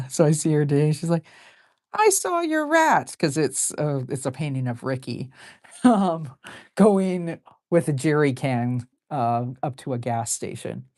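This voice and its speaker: A woman's voice: low voice, measured pace, mellow, dry recording, clean studio sound. A woman artist chatting casually while she draws on a live stream, rambling and poking fun at herself, with plenty of ums and uhs. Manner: rambling and self-deprecating, with many fillers. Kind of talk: casual chat while drawing.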